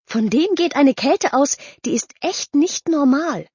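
A woman's voice: high voice, expressive, a little slow, darkish tone, no echo, pitched above the performer's own voice. A woman voicing an earnest, chatty teenage girl who talks insistently. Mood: eager. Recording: dull lo-fi audio.

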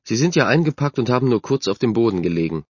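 A man's voice: medium pitch, very animated, quick pace, slightly rough, dry recording, highs cut off. A man voicing a confident, friendly girl who is a team captain and stands up for others. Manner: self-assured, friendly.

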